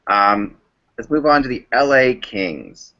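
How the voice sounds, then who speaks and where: A man's voice: medium pitch, animated, takes it slowly, pushed and bright. A man hosting a casual sports podcast discussion over a remote online call, often repeating and rephrasing his points. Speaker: podcast host. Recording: dull lo-fi online call audio.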